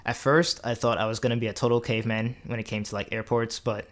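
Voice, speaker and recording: A young man recounting his own story in a relaxed, chatty interview. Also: medium pitch, fast talker. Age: young adult. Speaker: interview guest. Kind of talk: casual interview.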